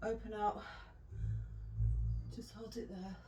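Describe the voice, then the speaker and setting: A woman fitness instructor leading a follow-along workout with calm, encouraging cues, recorded at home. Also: medium pitch, slow pace, over music. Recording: echoey room, voice from a distance.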